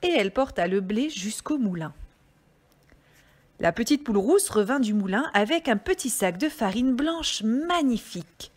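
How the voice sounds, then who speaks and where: A woman, a kindergarten teacher, reading a storybook aloud to young children in a gentle, expressive way. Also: on the high side, normal speed.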